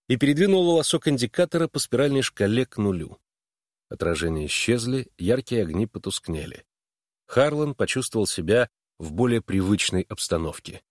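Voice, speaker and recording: Man, audiobook narrator, low voice, dry close sound, steady even reading. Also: dry recording. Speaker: audiobook reader. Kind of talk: scripted narration.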